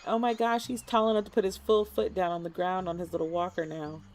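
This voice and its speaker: A young woman chatting casually while streaming a game, animated and playful, slipping into put-on as she talks. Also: lowish voice, fast, slight background noise.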